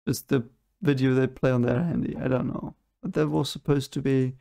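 A man's voice: medium pitch, steady tone, normal speed, creaky, mellow. A young man hosting a reaction video, talking casually at a desk mic and brushing off the clips as fake, now and then hunting for a word. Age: young adult. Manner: skeptical, dismissive, searches for words. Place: home room at a desk. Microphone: desk microphone in front of him.

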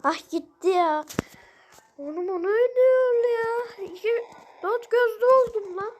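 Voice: extremely high pitch, a little slow, a little hiss or hum, voice pushed up. A performer voicing a melon ragdoll in a sandbox game that whines and cries dramatically over every bump. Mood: whining. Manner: whining and crying, dramatic.

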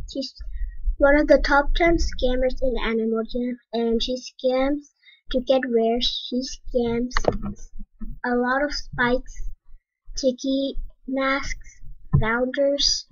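A young female vlogger with a hoarse, husky voice that sits a little high. She talks slowly and haltingly, repeating herself in earnest. The recording sounds muffled and lo-fi. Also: no echo. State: losing her voice, throat clearing. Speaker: gaming channel host. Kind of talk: casual game warning vlog.

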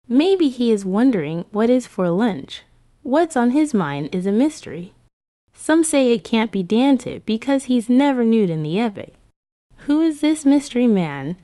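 A woman's voice: medium pitch, warm tone, dry recording, natural voice. A woman voicing a fancy female poodle who hosts a scripted art lesson in a prim, formal, curious manner. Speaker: host.

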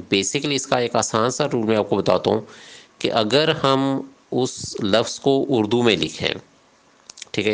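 A man teaching English grammar in a patient, step-by-step classroom lecture, mixing English terms into Urdu. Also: mid-range voice. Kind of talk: classroom lecture explaining rules.

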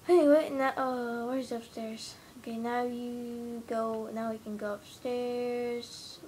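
A woman's voice: a little high, a little mellow, slight background noise. A woman gives a casual, rambling tour of her game build from her room at home, filming the TV with a handheld camera and filling her talk with hesitant "um"s and "uh"s. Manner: rambling, hesitant, many fillers. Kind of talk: casual gameplay walkthrough. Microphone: handheld camera filming the TV screen.

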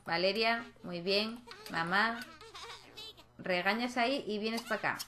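A woman's voice: medium pitch, a little slow, bright, forceful tone. Chatty woman narrating her life-sim game. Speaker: gaming channel host. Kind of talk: casual gameplay commentary.

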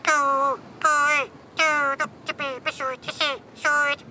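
A man voicing a cheeky traditional seaside puppet in a squeaky, whistling swazzle squawk. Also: level tone, slow pace. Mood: gleeful squawking. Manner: squawking catchphrases. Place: outdoors on a beach. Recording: outdoor seaside noise behind.

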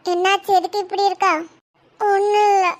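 A performer voicing a caring cartoon mother who soothes and gently scolds her child, in a very high pitch-shifted voice. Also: flat delivery, moderate pace. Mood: motherly. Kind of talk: animated cartoon dialogue. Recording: pitch-modulated with audio tools.

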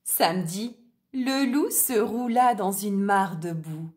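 A woman reading a children's story aloud in a gentle, deliberate way. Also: medium pitch, expressive.

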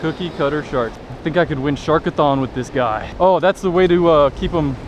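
A young man filming a fishing vlog on a beach, talking to viewers in a joking, excitable way. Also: a little high, brisk. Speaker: fishing vlogger. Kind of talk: casual excited vlog commentary. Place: beach by the surf, outdoors. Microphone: action camera. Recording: wind and surf noise.

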